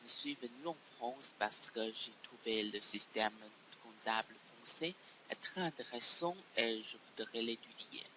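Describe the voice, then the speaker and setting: A man's voice: mid-range voice, a little slow, noisy background. A man, a doctoral student carefully reciting a prepared self-introduction in learner's French.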